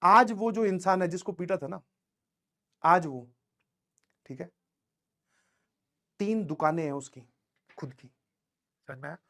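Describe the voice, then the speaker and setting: A male teacher gives his students a conversational motivational talk, sharing anecdotes from his own school days and often checking that they're following. His voice is high and sharp, and he speaks unhurriedly with frequent pauses.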